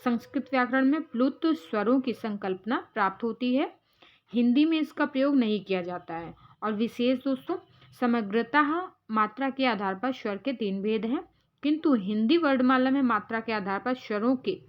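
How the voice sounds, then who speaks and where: A woman's voice: fairly high pitch, lively intonation, moderate pace, dull audio. A woman teaching as an exam prep tutor, going through quiz answers step by step and calling her viewers friends.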